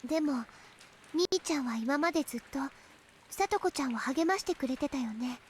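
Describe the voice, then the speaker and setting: A high, youthful girl's voice from a visual novel. She is mysterious and speaks quickly with a sweet, unsettling smile in her delivery. Faint noise sits behind her. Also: lively intonation. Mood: sweet, probing. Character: mysterious teenage girl, sweetly smiling yet unsettling. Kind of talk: Japanese visual novel voice acting.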